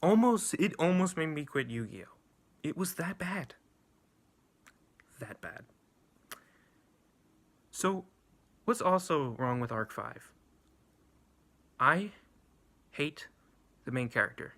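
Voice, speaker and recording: A man's voice: a little high, expressive, slow, long pauses, bright, forceful tone. A young man rambling bluntly and profanely through an anime ranking, with many restarts and fillers. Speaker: anime reviewer. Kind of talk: casual ranking rant.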